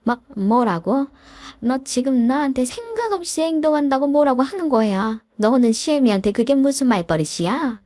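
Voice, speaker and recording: A woman voicing a nagging, sharp-tongued older mother-in-law who grumbles and scolds, in a raised voice for a spoken story. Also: high voice, expressive, normal speed, voice pushed up. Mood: indignant.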